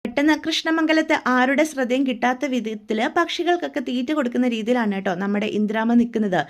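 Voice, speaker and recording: A woman's voice: a little high, quick pace. A woman recapping a drama serial in a chatty storytelling way, often turning to the listener. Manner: chatty, addresses listener directly.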